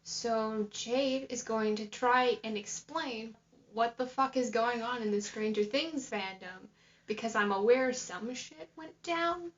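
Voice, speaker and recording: A young woman with a fairly high, slow voice co-hosts a casual podcast, rambling and joking with a curious air. The sound is a dull, lo-fi home recording.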